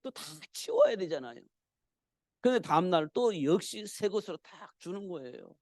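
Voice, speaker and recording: Gravelly-voiced man preaching conversationally. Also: sits high, huge pitch swings, normal speed, darkish tone, no room sound, studio quality. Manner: conversational preaching with rhetorical questions. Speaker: pastor. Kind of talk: sermon. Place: church.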